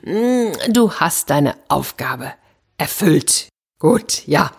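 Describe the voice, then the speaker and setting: A blustering old fairy-tale king barks orders and exclaims in a low, husky voice, played by a woman reading the tale aloud. He sounds theatrical and bossy. The tone is pitched for children listening to a story. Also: very animated, drawn-out words, heavily acted. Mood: grudging.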